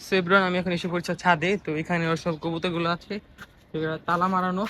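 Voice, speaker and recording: A man's voice: high voice, little pitch movement, a bit bright, a little hiss or hum. A young man hosting a prank vlog, chatting casually and slipping English phrases into his speech. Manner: rapid, mixes English phrases into Bengali. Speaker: vlogger host.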